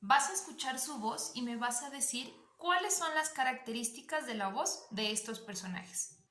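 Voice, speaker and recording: High, bright, slightly nasal woman teaching. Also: expressive, normal speed, echoey room. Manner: explanatory, demonstrates voices, asks the listener questions. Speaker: drama teacher. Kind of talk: online voice lesson.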